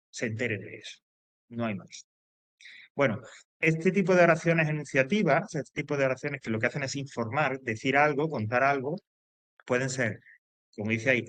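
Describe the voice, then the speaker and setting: A man's voice: mid-range voice, fairly bright tone, no echo. A man teaching a grammar lesson, explaining with repetition and frequent check-ins with his students. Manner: loose, hesitant phrasing with fillers and restarts.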